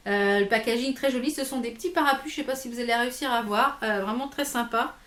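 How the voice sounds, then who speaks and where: Woman vlogger, chatty and halting, fairly high voice, recorded in an echoey room. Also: a bit bright. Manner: chatty, many fillers and restarts. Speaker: beauty vlogger. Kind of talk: casual haul video chat.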